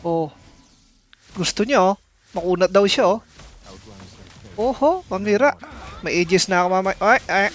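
A man streaming live gameplay, excitable and commenting as he plays, with sudden exclamations and playful taunts at his opponents. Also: high-pitched, a little slow, long pauses. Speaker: game streamer.

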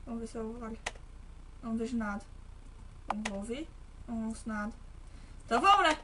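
A woman's voice: a little high, flat delivery, a little fast, slight background noise. A woman giving nervous let's-play commentary on a horror game, shrieking when startled. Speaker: gaming video host. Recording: game music behind the voice.

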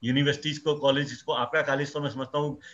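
A man's voice: mid-range voice, fairly even intonation, quick pace, a bit bright. A male microbiology professor explaining at length in an interview, emphatic and mixing in English phrases. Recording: dull lo-fi sound.

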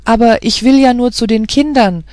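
A reader voicing a shy, gentle young female fairy-tale spirit in an audiobook, speaking in a timid, pleading way. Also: mid-range voice, animated, measured pace, no echo, studio quality, lightly acted.

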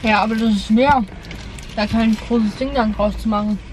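A woman's voice: on the high side, fairly even intonation, normal speed, darkish tone. A young woman in a casual chat with a friend inside a car. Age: young adult. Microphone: camera on the dashboard. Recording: noisy car interior, outdoor ambience.

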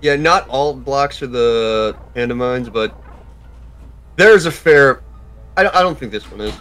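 A man's voice: mid-range voice, measured pace, fairly bright tone. A man giving casual, sweary video game commentary as he advises the player in an instructive way. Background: video game music.

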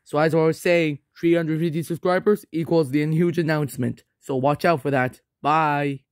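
Luigi, a weary plumber from a plush toy skit, sick with a sore throat, voiced by a man. He talks low and tired in a fairly high voice, sighing often. The sound is close and dry. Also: fairly even intonation, moderate pace, dry recording, natural voice. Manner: low, tired, quiet delivery with sighs.

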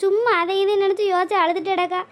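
A woman's voice: very high-pitched, steady tone, fast, fairly bright tone. A woman voicing a bossy neighbour who reassures and scolds her friend. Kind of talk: cartoon voice acting.

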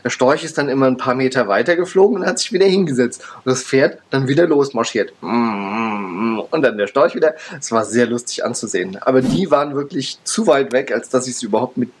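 A man's voice: medium pitch, slightly rough. A man in his thirties chatting casually to camera in a rambling, hesitant way, recorded in a room at home. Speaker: vlogger. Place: furnished attic room at home.

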